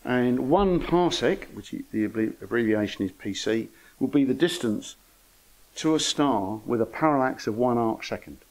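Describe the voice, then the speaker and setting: A man's voice: medium pitch, lively intonation, moderate pace, rough recording. An older man giving an informal lecture to an astronomy club, with dry, wry humour and chatty asides. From England.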